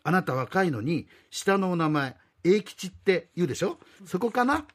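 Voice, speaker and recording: A man's voice: sits high, very animated, moderate pace. A male rakugo storyteller voicing a pushy, flirtatious landlady in her sixties, with a coquettish, chatty manner. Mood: coaxing. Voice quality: coquettish, chatty, sing-song.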